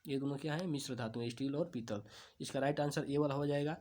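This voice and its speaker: A man teaching exam questions, asking each answer back as a question and then repeating it, stretching key terms slowly. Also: mid-range voice, darkish tone, slight background noise. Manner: slow, drawn-out stresses on key terms. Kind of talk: quiz-answer lesson.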